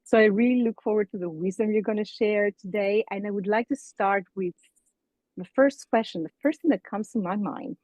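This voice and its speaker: A woman's voice: mid-range voice, moderate pace, a little mellow, dry recording, poor audio. A woman from Greece acting as guest host, reading a formal introduction and asking interview questions. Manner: formal, reads introduction from script. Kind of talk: podcast interview.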